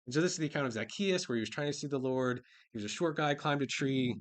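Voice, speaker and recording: A man preaching a sermon in a relaxed, informal way. He reads scripture passages and then retells them in everyday speech. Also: mid-range voice, fast. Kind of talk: casual conversational sermon.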